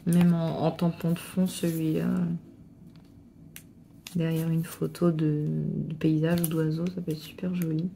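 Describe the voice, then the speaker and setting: A middle-aged woman gushing excitedly as she unboxes a craft parcel, with stumbling restarts. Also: low-pitched, unhurried, creaky, slight background noise. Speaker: crafting vlogger. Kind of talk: casual unboxing chat.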